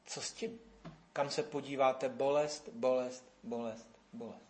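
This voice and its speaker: A man preaches a lively sermon. He drops to a hush, then rises again, and acts out the voices of the people he quotes. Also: medium pitch. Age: 50s.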